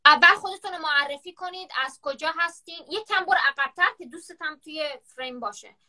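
A woman's voice: very high-pitched, pushed and bright. A woman hosting a live stream on her phone, chatting, gossiping and teasing her guests. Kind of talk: casual live-stream chat.

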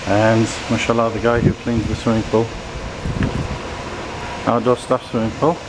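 A man's voice: on the low side, flat delivery, moderate pace, echoey room, background noise. A man casually narrating a walking tour of a staff compound and its pool, easily impressed and dropping in Arabic phrases. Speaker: vlogger giving a tour. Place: outdoor pool area and indoor pump room of a housing compound.

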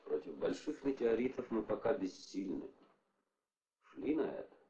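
An actor playing a middle-aged spaceship commander in a 1960s film drama, grave, restrained and weighty. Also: male voice, lowish voice, very animated, moderate pace, warm tone. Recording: dull, roomy old film sound, hiss.

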